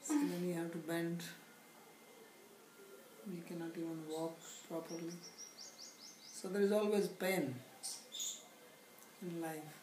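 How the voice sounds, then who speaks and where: A middle-aged man with a fairly high, level voice teaches a scripture class as a spiritual teacher, slow and deliberate, with wry humor and Sanskrit verses. He sits on a sofa indoors, filmed by a camera across the living room in an echoey space with background noise.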